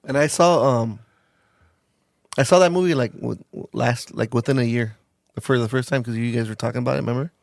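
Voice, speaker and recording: A man's voice: mid-range voice, fairly quick, gravelly, no echo, clean studio sound. A married man co-hosting a podcast, chatting casually and rambling with many "like"s and restarts. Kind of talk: casual chat.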